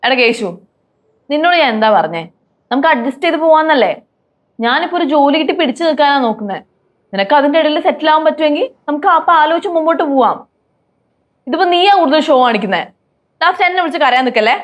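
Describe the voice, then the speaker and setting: A blunt young wife. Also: female voice, high-pitched, animated, quick pace, long pauses, highs cut off. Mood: firm. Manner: firm, matter-of-fact. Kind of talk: TV sitcom acting.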